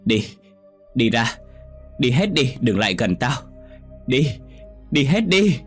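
A man's voice: medium pitch, big pitch swings, takes it slowly, faint music behind, voice pushed up. A man voicing a crazed woman screaming at everyone to get away in a ghost story. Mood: panicked shrieking.

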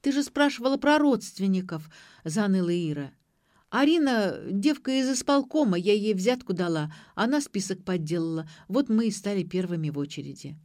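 A woman's voice: mid-range voice, expressive, normal speed, dry recording, clean studio sound, natural voice. A woman voicing an evasive, middle-aged mother who whines and snaps defensively in an audiobook. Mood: whiny defensive. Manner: whiny, defensive, rising to shouts.

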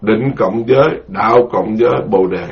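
A middle-aged man, a Buddhist monk giving a dharma lecture, speaking slowly and repeating key terms for his listeners. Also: fairly low pitch, vocal fry. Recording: dull lo-fi recording.

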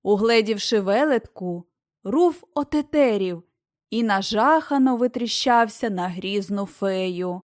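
A woman narrating a fairy-tale audiobook in an even, expressive reading. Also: mid-range voice, measured pace, no room sound, studio quality. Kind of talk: scripted storybook narration.

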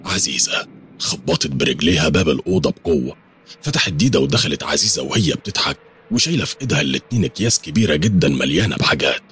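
A man with an Egyptian accent narrating a horror story in a lively, dramatic way. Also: rumbling low, rapid-fire, breathy edge. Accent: Egyptian Arabic.

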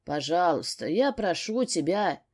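A woman voicing a young husband who speaks hushed and pleading in an audiobook. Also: on the low side, big pitch swings, a little slow, husky, full character voice.

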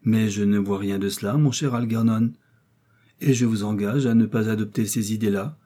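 A man voicing a polite, wealthy gentleman who speaks calmly and reassuringly, in a storybook reading. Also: on the low side, moderate pace, close to an everyday voice. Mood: courteous. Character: courteous wealthy older gentleman, calm and reassuring.

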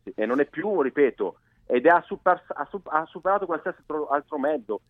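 A man arguing on a radio phone-in over a landline phone, his pitch swinging widely as he presses his case. The line is tinny and narrow, and the sound is dry and close. He piles up repeated denials and insists. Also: animated, fairly quick, dry recording. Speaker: nightclub manager calling in. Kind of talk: heated phone-in debate.

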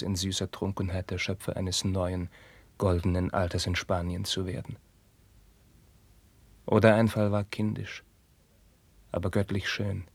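An actor playing a young prince torn by forbidden love, declaiming classical verse with passion and dropping into hushed whispers. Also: male voice, deep voice, slightly rough, dry recording, exaggerated voice. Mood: wistful. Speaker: actor in a radio play. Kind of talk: classical verse radio drama.

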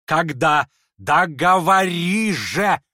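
A man voicing a hot-tempered, proud older noblewoman who scolds in shrill, impetuous outbursts in a dramatized audiobook reading. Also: lively intonation, moderate pace, fairly bright tone, no room sound, clean studio sound. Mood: furious.

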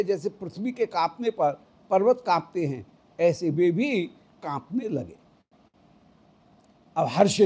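A man's voice: high voice, mellow, slightly rough. A man giving a devotional scripture discourse, chanting verses and explaining them line by line. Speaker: devotional storyteller.

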